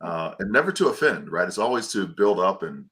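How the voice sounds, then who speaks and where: A man hosting a podcast with a very deep voice that still swings widely in pitch. He chats in a casual, enthusiastic way, with plenty of fillers. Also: sing-song, brisk, fairly bright tone. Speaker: podcast host. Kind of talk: casual chat.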